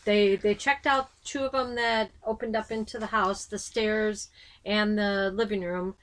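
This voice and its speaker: A woman co-hosts a relaxed review chat about a TV episode. She mostly answers in short, agreeable replies, adding small details here and there. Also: mid-range voice, a little slow. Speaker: podcast co-host.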